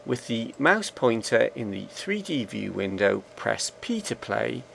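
A man narrating a software screencast tutorial, calmly giving slow step-by-step commands. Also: medium pitch, creaky, a little hiss or hum. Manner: slow, measured, instructional commands.

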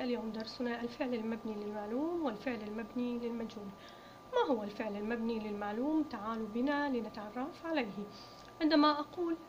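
A woman with a high voice teaches a grammar lesson, putting questions to her pupils and then answering them herself. She says the key words twice, slowly. The recording is dull and lo-fi with a faint hiss behind her. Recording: dull lo-fi sound with faint noise.

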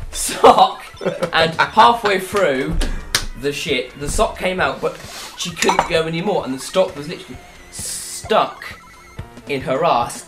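A man with a high, very lively voice that swoops up and down as he tells a story, taking his time over the words. He swears freely and laughs through the telling. Faint music sits behind him. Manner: animated, profane, laughs through stories. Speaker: podcast co-host. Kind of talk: casual chat, anecdote telling.

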